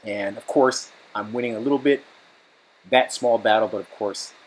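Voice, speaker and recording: A man's voice: on the low side, normal speed, a little hiss or hum, rough recording. A man giving informal, self-analytical play-by-play commentary on his own sparring. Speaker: student narrating own sparring.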